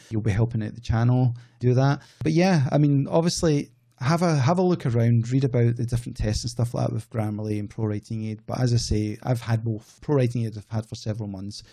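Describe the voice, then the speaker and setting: A man with a Scottish accent hosts an outsourcing business channel, speaking to camera in a relaxed, rambling way and correcting himself as he talks. His mid-range voice is mellow.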